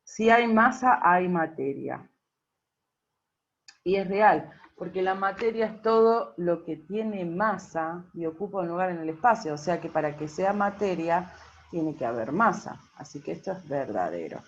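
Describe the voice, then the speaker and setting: Woman teacher, patient and checking in often, fairly low voice, muffled lo-fi recording. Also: animated, measured pace. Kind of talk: recorded class explanation. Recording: dull lo-fi recording.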